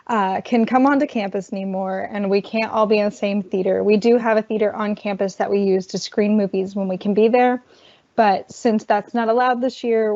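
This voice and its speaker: A woman student worker giving a virtual orientation presentation, chatty and losing her voice, clearing her throat. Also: mid-range voice, darkish tone. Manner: chatty, explains while cueing slides. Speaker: student worker presenting campus film events. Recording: dull lo-fi online call audio.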